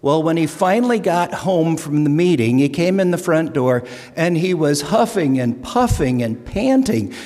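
A man's voice: a little high, animated, moderate pace, a little mellow. An older man speaking to his congregation about the pledge drive, telling folksy stories with self-deprecating asides. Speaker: lay speaker for stewardship drive. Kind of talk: humorous church announcement with jokes. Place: church sanctuary. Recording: long church reverb.

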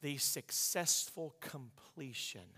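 A man's voice: mid-range voice, big pitch swings, takes it slowly, pushed and bright, breathy edge, in a large hall. A male pastor preaching a sermon, emphatic, repeating his words and asking his congregation rhetorical questions.

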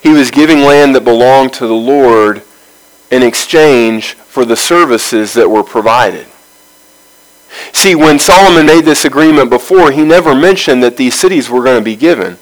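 A man leading a Bible study, reading scripture aloud and then explaining it verse by verse in a measured way, with pauses between phrases. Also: mid-range voice, rough recording.

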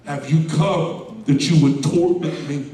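A frightened male demon spirit begs anxiously, throwing out one nervous question after another, voiced by a man in his sermon. The voice is slightly high, and it comes from a distance in a very echoey church. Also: fairly even intonation, slow pace, dark tone. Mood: pleading. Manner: pleading questions.

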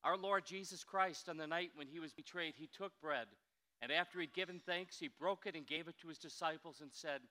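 A man serving as pastor, leading a communion liturgy in a church sanctuary with a measured, reverent delivery and slow pauses, his voice carried by a long cathedral-like echo. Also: fairly high pitch, pushed and bright.

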